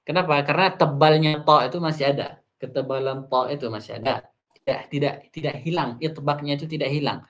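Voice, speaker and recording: A man teaching Quran recitation rules, explaining an Arabic text step by step, repeating each example slowly. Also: a little high, fairly bright tone. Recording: dull muffled online audio.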